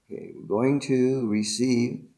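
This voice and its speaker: A man leading a guided meditation and spiritual invocation in a deliberate, ceremonial manner, in short separated phrases. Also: medium pitch, fairly even intonation, mellow.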